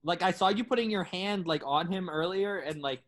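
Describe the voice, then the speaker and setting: A man's voice: high voice, normal speed, a bit bright. Rambling, hesitant male co-host. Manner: rambling, hesitant, many fillers. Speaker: podcast co-host. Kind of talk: casual sports chat.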